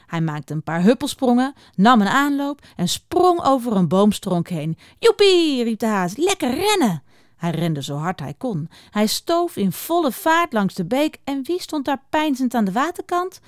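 A woman giving a children's morning talk and reading a story aloud in an expressive, chatty way. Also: on the high side, moderate pace, hardly any pauses, no echo, clean studio sound.

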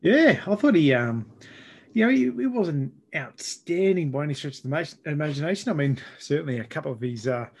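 Husky, higher-voiced Australian man co-hosting footy podcast. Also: animated, a little fast. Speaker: sports podcast co-host. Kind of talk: casual football chat and tallies.

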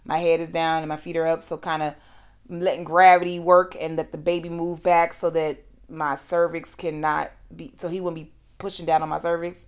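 A woman's voice: low-pitched, flat delivery, moderate pace, clean tone. A woman hosting a podcast, telling a personal story in a conversational way and acting out what others said. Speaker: podcast host.

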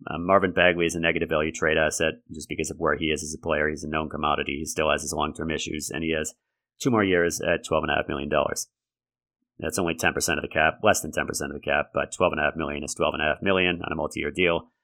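A man hosting a sports podcast solo, talking analytically and conversationally in a gravelly voice left raspy by a lingering cold. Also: very deep voice, level tone, quick pace, pushed and bright. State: raspy from a lingering respiratory infection. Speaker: podcast host. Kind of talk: sports commentary monologue.

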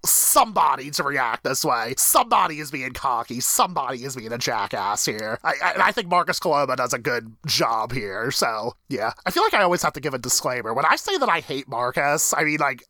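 A man in his thirties co-hosting a podcast, chatting animatedly about a TV episode and leaping up in pitch when he acts out reactions. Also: sing-song, brisk, hardly any pauses, pushed and bright, no room sound. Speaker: podcast co-host. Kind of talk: casual discussion of a TV episode.

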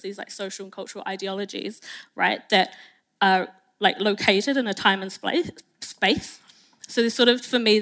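A woman's voice: medium pitch, pushed and bright, poor audio. A woman of Solomon Islands and English heritage, giving a self-deprecating public talk with jokes and fillers. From Solomon Islands and England heritage. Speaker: speaker on a panel.

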